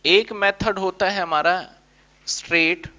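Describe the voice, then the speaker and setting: A man's voice: sits high, fairly even intonation, slow, bright, forceful tone. A man teaching an accounting class in a playful way, acting out his students' questions. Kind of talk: classroom lecture. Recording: dull lo-fi recording.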